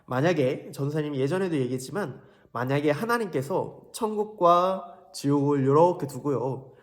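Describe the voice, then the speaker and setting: Young male kids' preacher, higher voice, lively questioning storyteller. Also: moderate pace. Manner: animated storytelling, asks kids questions. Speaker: children's ministry preacher. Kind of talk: children's sermon.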